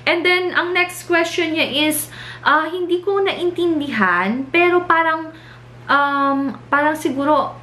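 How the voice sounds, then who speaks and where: A young woman from the Philippines chats through a casual vlog story with a Filipino accent, slipping between Tagalog and English. Her voice sits a little high and she laughs often. Faint room ambience hums behind her. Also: takes it slowly, bright, forceful tone, roomy sound, a little hiss or hum. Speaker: vlogger.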